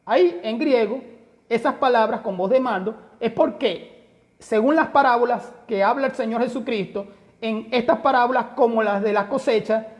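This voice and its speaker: Bible teacher lecturing, pushy and emphatic, lots of questions to the room, long echo like a church hall. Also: medium pitch. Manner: emphatic, rhetorical questions, addresses listeners as brother.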